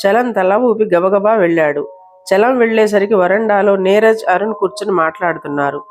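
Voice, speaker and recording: A woman's voice: mid-range voice, moderate pace, darkish tone, soft background music. Woman storyteller reading a novel aloud.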